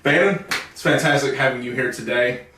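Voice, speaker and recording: A man's voice: medium pitch, brisk, pushed and bright, a little hiss or hum. A young man hosting a casual podcast chat, rambling and stumbling over his words. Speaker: podcast host. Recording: roomy echo, mic at a distance.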